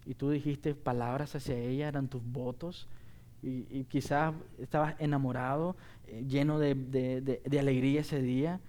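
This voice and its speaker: A man's voice: medium pitch, level tone, moderate pace, mellow. A middle-aged man preaching a sermon as pastor, earnest and emphatic, asking the congregation rhetorical questions.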